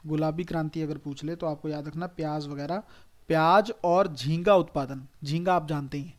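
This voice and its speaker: A man's voice: fairly high pitch, level tone, fast, darkish tone. A male exam coaching teacher, giving a recorded online lecture in a conversational, repetitive way, often checking "okay" and telling students to write things down. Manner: addresses students directly, urging them to note things down.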